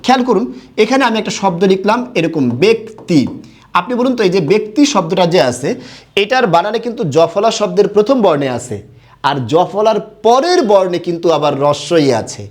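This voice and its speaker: A man's voice: high-pitched, expressive, a little fast. A young man teaching a Bengali grammar lesson, asking questions and answering them himself. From Bangladesh. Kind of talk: recorded classroom lesson.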